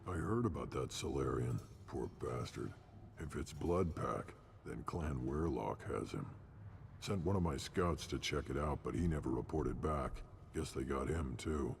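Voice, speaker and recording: A man voicing a surly alien brute in a video game, gruff and curt, with a deep gravelly voice. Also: moderate pace. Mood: gruff, annoyed. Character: surly alien brute, grudging toward human customers. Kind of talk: scripted video game dialogue.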